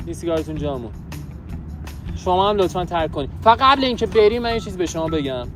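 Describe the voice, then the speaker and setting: Background music accompanies a young man's hidden-camera street prank in a park. His voice sits high, expressive and fairly bright, and his teasing banter comes across as brash, pushy, and mock-scolding.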